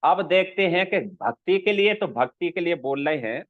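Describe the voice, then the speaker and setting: A male spiritual teacher giving a slow scriptural discourse, explaining step by step, checking with his listeners and intoning verses. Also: high-pitched, expressive, no room sound. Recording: dry, tinny phone-like sound.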